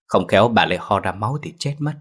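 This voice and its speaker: A man voicing a gentle, caring young wife who speaks softly and pleads. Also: lowish voice, expressive, fast talker, husky. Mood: pleading. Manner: soft, pleading.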